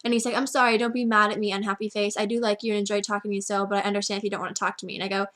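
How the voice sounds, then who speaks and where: A teenage girl tells a long story to a friend in a loose, rambling way. She keeps repeating "like" and slips into quoting what people said. Her voice sits in an ordinary middle pitch. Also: flat delivery, very fast. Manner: chatty, constant "like" filler. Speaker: vlogger.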